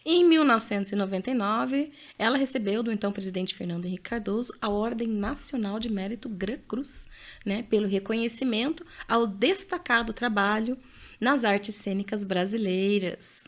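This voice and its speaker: A middle-aged Brazilian woman hosts a casual podcast, chatting in a mid-range voice at normal speed. She reads out facts with her own asides and often adds "né?" in her Brazilian Portuguese accent.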